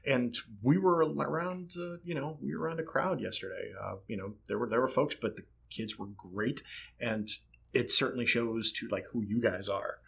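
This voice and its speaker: A man's voice: mid-range voice, normal speed, creaky, fairly bright tone, slightly rough. A man in a podcast studio chatting earnestly, full of "you know" fillers. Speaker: podcast cast member. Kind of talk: casual chat.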